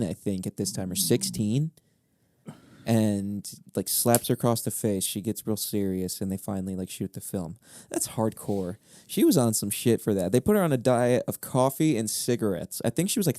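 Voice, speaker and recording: Young man with a mellow voice. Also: fairly low pitch. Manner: animated, quotes film lines in loud shouting bursts. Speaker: podcast co-host. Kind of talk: casual chat.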